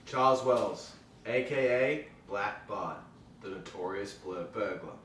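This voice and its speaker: A man's voice: lowish voice, slow pace, a bit bright, distant mic. A man playing a casual, slangy guy telling a spooky tale to friends at an amateur script table read. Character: casual male storyteller spinning a spooky cemetery tale to friends. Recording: roomy, off-mic, faint noise.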